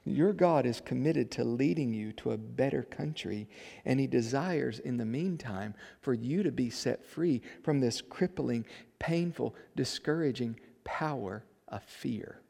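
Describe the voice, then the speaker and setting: A man preaching a sermon as pastor, swinging from loud emphatic declarations to quiet low asides. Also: lively intonation, unhurried, creaky. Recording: echoey hall with long reverb.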